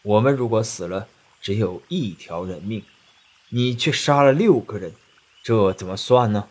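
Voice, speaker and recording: A man doing a slow, solemn old monk. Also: lowish voice, expressive, a little mellow, voice pushed down. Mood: reproachful. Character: gentle, preachy old male monk.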